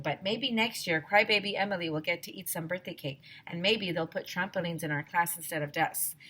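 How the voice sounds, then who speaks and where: A woman teacher reads a children's story aloud with lively, emphatic expression, speaking directly to her young listeners. Her pitch sits fairly low.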